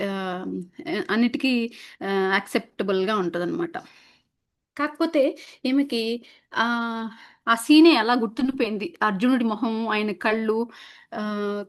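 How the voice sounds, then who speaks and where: A woman casually narrating a spiritual story in a chatty way, often pausing on filler sounds and restarting words. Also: a little high.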